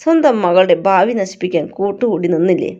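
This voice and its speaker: A woman's voice: mid-range voice, brisk, mellow, lightly acted. A woman voicing a defiant young woman who feels betrayed by her family, emotional and reproachful, on a dull lo-fi recording. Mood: angry.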